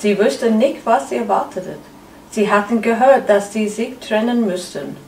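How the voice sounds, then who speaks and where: A woman narrating a story aloud in a deliberate, measured way. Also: fairly high pitch, creaky, darkish tone, a little hiss or hum. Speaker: second story reader. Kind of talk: live storytelling reading. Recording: echoey room, far from the mic.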